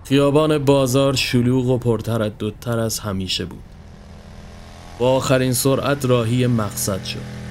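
A man's voice: medium pitch, darkish tone, a little hiss or hum. A man steadily reading a horror story aloud as narrator.

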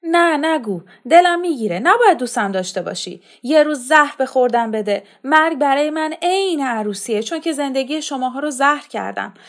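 A woman voicing a bitter, despairing, worn-out mother in an audiobook reading, delivered in a raised, shrill, tearful way. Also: animated, creaky. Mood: anguished.

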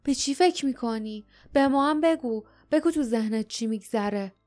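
A fierce, sharp-tongued young woman, as a woman narrator plays her, pressing and snapping. Storybook reading with faint music. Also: sits high, lively intonation. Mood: insistent. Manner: insistent, snapping.

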